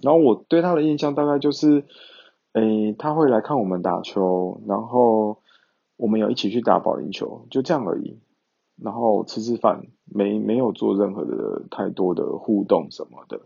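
Gravelly young man telling a story. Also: fairly low pitch, lively intonation, normal speed, dark tone, muffled recording. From Taiwan. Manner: chatty, rambling, many fillers. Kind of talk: casual storytelling to viewers.

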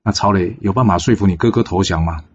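Calm, knowing old strategist in a storybook, a man reading him, low husky voice. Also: quick pace, muffled recording. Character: shrewd, good-humored older male strategist.

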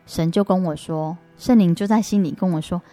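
A woman's voice: fairly low pitch, a little fast, warm tone, soft background music. A woman with a Taiwanese Mandarin accent, a guest in an interview, earnestly telling her story of faith with frequent restarts. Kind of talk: personal faith testimony.

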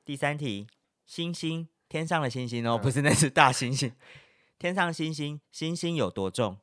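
A man's voice: a little high, lively intonation, normal speed, a bit bright, no echo, studio quality. A man with a Taiwanese accent, playful and teasing, hosting in casual banter. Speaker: co-host and quizmaster.

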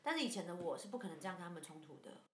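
A woman's voice: lowish voice, racing. A woman in her thirties from Taiwan, co-hosting a podcast in casual chat and acting out the lines of the people in her story. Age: 30s. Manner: animated storytelling, acts out quoted lines. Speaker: podcast co-host. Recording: roomy echo with faint background hum.

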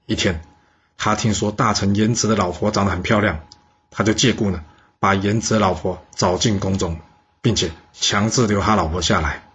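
A man telling a historical tale in a lively, colloquial way. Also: lowish voice, slightly rough, dull audio. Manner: lively, colloquial, with many drawn-out particles. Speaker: storyteller. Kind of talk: historical storytelling.

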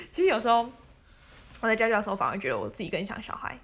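Young woman, bright voice, chatty, giggly, casual podcast storytelling. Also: fairly high pitch, wildly swooping pitch, racing, breathy edge. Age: 20s. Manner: chatty, laughs often, many fillers. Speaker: podcast host and tutor.

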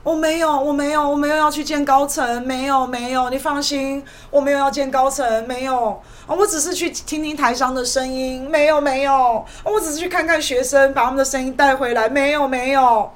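A nervous, evasive politician, put on by a woman, stammers out one hurried denial after another. The voice rides noticeably higher and louder than her own, full of flustered repetition. It is plainly a mocking impression. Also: steady tone, lightly acted. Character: nervous evasive politician, timidly denying everything.

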